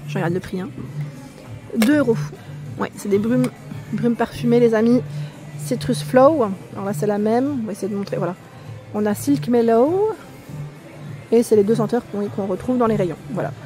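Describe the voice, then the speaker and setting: A woman's voice: on the high side, moderate pace, long pauses. A woman with a French accent chatting casually as she walks a shop aisle, reading out labels and prices and asking viewers questions. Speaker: shopping haul vlogger. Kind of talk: casual store walkthrough. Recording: music playing behind.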